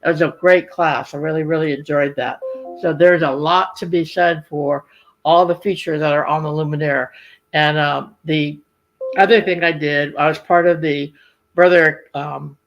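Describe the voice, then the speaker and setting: A man with a slightly high voice walks through craft designs in a casual demonstration. He explains as a designer would, in a halting, informal flow. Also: fairly even intonation, a bit bright, highs cut off, soft background music. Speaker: machine embroidery designer presenting designs.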